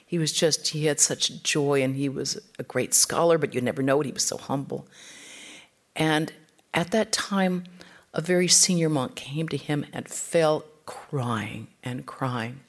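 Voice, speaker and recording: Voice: medium pitch, measured pace. A spiritual teacher giving an informal talk, speaking conversationally and acting out the quotes in the stories.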